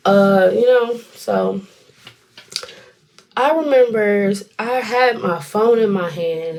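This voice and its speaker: Woman in her 20s just chatting, telling a rambly story, slangy and casual, normal mid pitch. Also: vocal fry, darkish tone. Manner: chatty and colloquial, rambling with asides.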